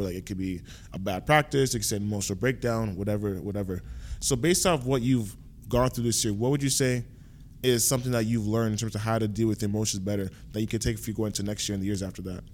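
A young man in his twenties hosts a casual sports podcast. He talks fast and chatty in a somewhat low voice, with a steady stream of fillers. Faint noise hums behind him. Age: 20s. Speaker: podcast host, athlete.

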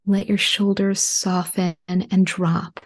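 A woman leading a guided relaxation in a soft, soothing spa whisper, hushed, breathy and gentle. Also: mid-range voice, flat delivery, takes it slowly.

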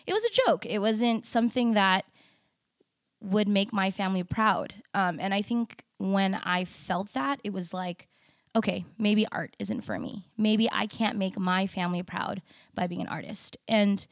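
A young adult woman, a podcast guest who works as a nurse and photographer, talking reflectively with many pauses and ums. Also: mid-range voice, no room sound, studio quality. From United States. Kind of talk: casual interview conversation.

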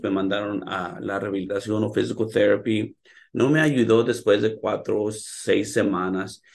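A man's voice: fairly low pitch, gravelly. A middle-aged man from California who grew up in Houston, a chiropractor guest speaking hesitantly with many fillers. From born in California, raised in Houston. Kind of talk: radio interview in Spanish.

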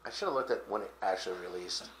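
A man with a bright, forward voice hosts a loose talk show and explains things in a rambling way, full of "um"s and restarts. The room around him is echoey. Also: sits low, lively intonation, fast, slight background noise. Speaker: podcast host. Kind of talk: casual crypto talk show chat.

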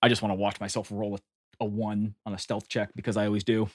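A man's voice: lowish voice, fast, no room sound. A man chatting casually and joking as a player in a tabletop role-play game. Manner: chatty, jokey, animated. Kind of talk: casual gaming chat.

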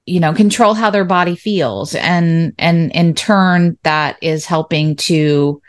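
A woman teacher co-hosting a podcast, talking thoughtfully in a casual chat. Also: low voice. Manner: thoughtful, with fillers and restarts, warm agreement.

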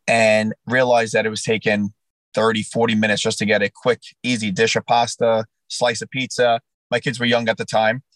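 A man's voice: mid-range voice, no room sound, low-quality recording. A man with a New Jersey accent, a restaurant owner telling his story in a casual interview and acting out the dialogue. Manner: animated storyteller, acts out quoted dialogue.

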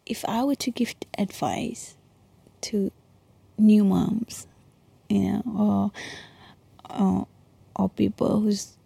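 A young Malaysian woman podcaster in a casual, hushed, whispered monologue, chatty and breathy, sprinkling in Malay slang. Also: mid-range voice, no room sound. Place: quiet bedroom at home at night.

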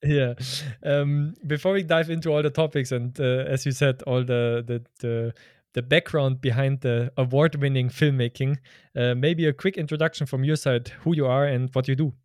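A man's voice: medium pitch, fairly even intonation, normal speed, a little mellow, no echo, studio quality. A man hosting a podcast, chatty and stumbling over his words as he asks questions. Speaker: podcast host. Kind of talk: casual interview chat.

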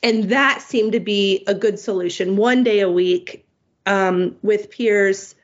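A woman's voice: mid-range voice, slow. A woman in her forties, a homeschooling mother, talking casually in an interview, rambling and cutting herself off with easy laughs. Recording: muffled lo-fi audio.

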